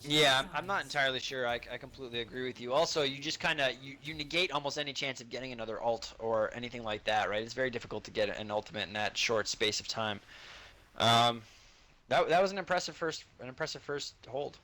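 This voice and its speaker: Male color commentator, quick analytical delivery, voice going hoarse. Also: mid-range voice, fairly even intonation, bright, forceful tone. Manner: explanatory, measured analysis with hesitant fillers. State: losing his voice. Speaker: esports analyst.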